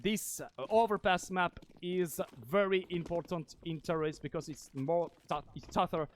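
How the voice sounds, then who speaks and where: A man with a Spanish accent calling esports play-by-play, excitable and shouting on big plays. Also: high voice, moderate pace, slight background noise. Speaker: esports caster.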